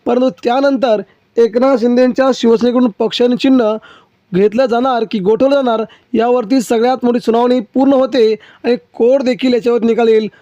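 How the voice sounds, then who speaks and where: Man, very high voice, dark tone, news presenter, explains emphatically to viewers, dry dull lo-fi recording. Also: dry recording.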